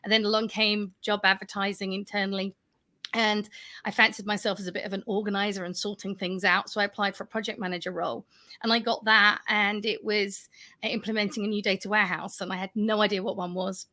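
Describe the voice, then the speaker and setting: A woman with a bright, forceful voice tells her story as a panel guest on a video call. She is lively and self-deprecating, and she laughs through the funny parts. Her pitch sits mid-range for a woman. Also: fast talker.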